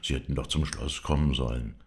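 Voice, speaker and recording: A man's voice: very deep voice, fairly quick. A man voicing a talkative, teasing young English lord in a storybook reading. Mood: chatty.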